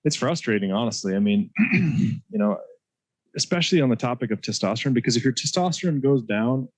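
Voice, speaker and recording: A man speaking as a doctor in a played interview clip, calm and conversational with a wry edge. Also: mid-range voice, fairly quick, no echo.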